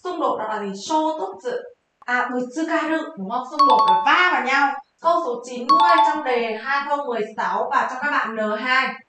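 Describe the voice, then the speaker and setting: A high-voiced woman teaches Japanese exam vocabulary. She quizzes her viewers and answers her own questions in a lively, chatty way. Her voice rings out in a strongly echoing room. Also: moderate pace, music in the background. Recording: very echoey room.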